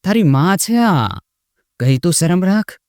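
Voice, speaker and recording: A man's voice: fairly high pitch, big pitch swings, unhurried, a little mellow, no echo, studio quality. A man voicing a grieving old husband who pleads in a choked, trembling voice.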